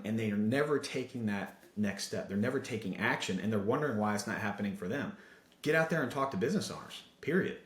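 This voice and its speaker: A man talking as a podcast guest, telling stories and giving motivational advice with energy. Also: fairly low pitch. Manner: energetic storyteller, motivational, fast asides. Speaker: podcast guest, digital marketing agency owner. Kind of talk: casual interview chat. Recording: roomy echo.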